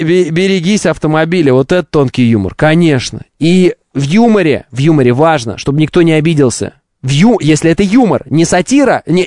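A man's voice: on the high side, darkish tone, dry recording, clean studio sound. A man hosting a live stream, delivering an opinionated, didactic monologue with emphatic rhetorical questions and ironic asides.

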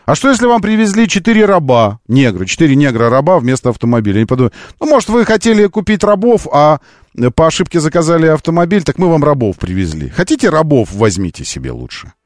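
A man's voice: on the high side, sing-song, quick pace, dry recording, clean studio sound. A man hosting a live call-in radio show, arguing insistently and repeating phrases for emphasis. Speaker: radio talk show host.

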